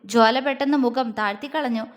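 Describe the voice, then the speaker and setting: A woman storyteller reads a romance audio series in a calm, gentle, even voice. Her pitch sits high, and a long reverb hangs around every line. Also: brisk.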